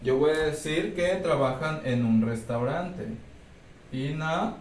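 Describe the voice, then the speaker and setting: Patient teacher in a roomy classroom. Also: male voice, a little high, slow. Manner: explains step by step, checks in with "¿sí?". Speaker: English teacher. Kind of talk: recorded class lesson. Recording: roomy, distant mic, faint background noise.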